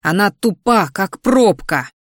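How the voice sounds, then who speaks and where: A woman's voice: mid-range voice, expressive, unhurried, dry recording, clean studio sound, close to an everyday voice. A woman voicing a stern young male mage who talks to his family in a growling, sarcastic way.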